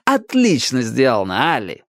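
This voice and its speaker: A reader voicing a smug, scheming teenage ghost boy who talks smoothly and deliberately in an audiobook. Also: medium pitch, sing-song, dry recording, studio quality. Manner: smooth, self-satisfied, measured. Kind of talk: audiobook character voice.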